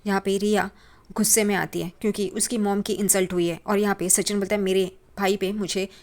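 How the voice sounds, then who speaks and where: Woman, mid pitch, casual conversational recap of a drama episode, slips the characters' lines into her retelling. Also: steady tone, fast talker, a little mellow. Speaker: TV serial recap narrator.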